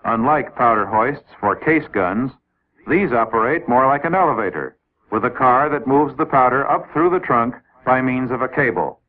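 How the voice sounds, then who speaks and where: Addressing trainees head-on, an American narrator walks through a 1950s military training film step by step, explaining methodically. He speaks at normal speed in a mid-range voice with lively intonation. It comes from an old, tinny, narrow-band 1950s film soundtrack.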